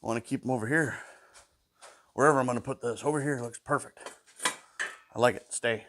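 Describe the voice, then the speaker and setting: A small engine repair vlogger with a stuffy nose chats to himself as he takes apart an old mower in his workshop, humming between tasks. His medium-pitched voice is brisk and fairly bright.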